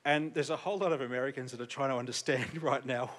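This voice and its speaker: A man's voice: mid-range voice, quick pace, fairly bright tone. A man hosting an on-stage interview, joking and playing to the crowd. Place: convention stage.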